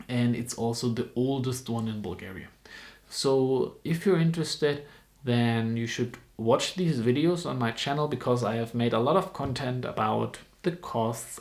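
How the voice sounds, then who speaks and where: Speaking English as a second language, this twenty-something man from Germany is a dental student sharing information in a relaxed vlog. He hesitates often with ums and restarts, and his medium-pitched voice sounds gravelly and a little mellow.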